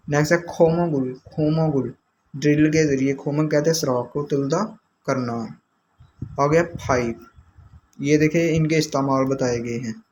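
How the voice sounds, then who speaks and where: Patient male teacher explaining vocabulary. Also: mid-range voice. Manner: explains patiently, repeating each term with its meaning. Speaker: language teacher. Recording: dull lo-fi sound with faint background noise.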